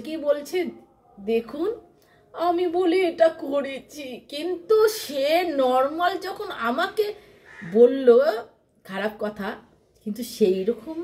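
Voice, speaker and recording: A woman's voice: high voice, a little mellow. A woman vlogger chatting casually to her followers from home, rambling and repeating herself, often mimicking how other people talk.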